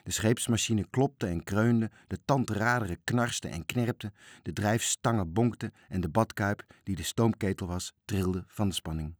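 A man with a low voice reads a children's adventure story aloud. His delivery is expressive and he slows down for the sad passages. The recording is dry and close, with no room sound. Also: dry recording. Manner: expressive, slowing at sad moments. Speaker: narrator.

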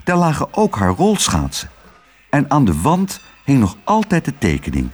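Man, children's book narrator, breathy, very lively intonation. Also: mid-range voice, normal speed. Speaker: audiobook narrator.

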